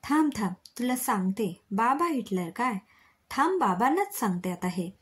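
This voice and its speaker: A cheerful young college girl teases her brother in a lilting, raised voice, as a woman reads her part. The voice is breathy and soft at the edges. She speaks with the light bounce of a storybook character. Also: fairly high pitch, very animated, moderate pace, heavily acted. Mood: teasing. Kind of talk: storybook reading.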